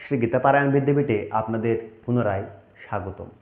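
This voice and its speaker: A man teaching an online lesson on Sanskrit pronunciation, explaining in a formal, measured way. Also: medium pitch. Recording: echoey, tinny phone-like sound.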